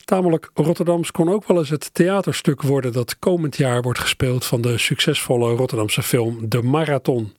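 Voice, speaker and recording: A man's voice: medium pitch, normal speed, few pauses, dry recording, clean studio sound. A man presenting a radio program, introducing recorded fragments in a conversational way with little asides.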